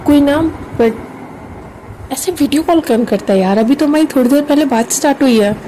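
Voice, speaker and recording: A woman's voice: high-pitched, normal speed, dark tone, a little hiss or hum, close to an everyday voice, low-quality recording. Raya, a woman doing a curt, reserved girl. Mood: exasperated. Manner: curt, mildly exasperated.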